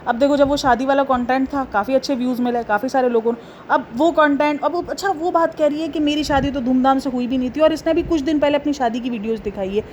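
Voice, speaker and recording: A woman's voice: high voice, fast, darkish tone, a little hiss or hum. A woman hosting a casual commentary vlog, scolding with rhetorical questions and exasperated asides. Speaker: commentary vlogger, channel host.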